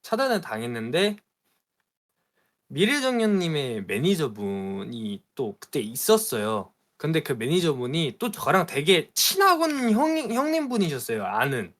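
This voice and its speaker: A man, a streamer, telling a story in a casual chat, animated and aggrieved. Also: a little high, a little slow. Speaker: streamer guest.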